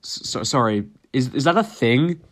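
A teenage boy narrates a reaction video in a sarcastic, mocking way, cursing casually. His voice sits at an ordinary middle pitch. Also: expressive, normal speed, a bit bright. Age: teens. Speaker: YouTube commentator. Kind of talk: reaction commentary.

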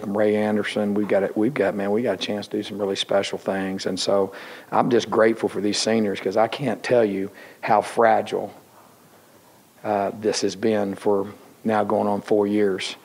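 A middle-aged man, a head football coach, talking at a post-game press conference into a table microphone, rambling and halting with many fillers and restarts. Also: fairly low pitch, flat delivery, a little mellow, slightly rough. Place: indoor press room.

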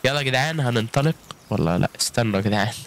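A man's voice: mid-range voice, expressive, racing, gravelly, a little hiss or hum. Egyptian male gaming creator, chatty running commentary aimed at viewers, mid-range voice. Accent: Egyptian Arabic. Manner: chatty, keeps calling out to viewers with frequent exclamations. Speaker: gaming YouTuber. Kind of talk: live gameplay commentary.

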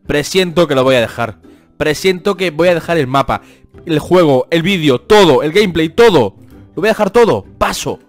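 A man's voice: fairly high pitch, animated, normal speed, faint music behind. A young man with a Spain Spanish accent giving gameplay commentary, exasperated and complaining, with dramatic outbursts. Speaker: gaming youtuber.

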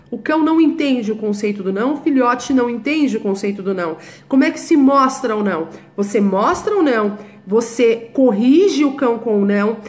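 Woman, dog trainer, instructive talk to camera, direct, fairly high-pitched voice. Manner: direct, instructive, checks in with listeners.

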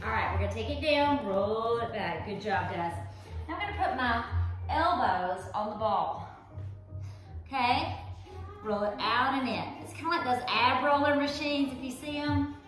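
A high-voiced woman leads a workout as an aerobics instructor. She gives unhurried, encouraging cues and counts while exercising. The room is very echoey, with faint music behind her. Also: expressive, a bit bright. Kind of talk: live exercise class instruction with counting and cueing. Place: living room with hard wood floor, indoors.

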